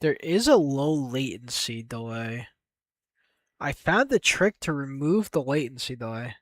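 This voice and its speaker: A young man streaming his game development, thinking aloud in an excitable, casual way and swearing now and then. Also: mid-range voice, measured pace, no echo. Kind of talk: casual live-stream brainstorming.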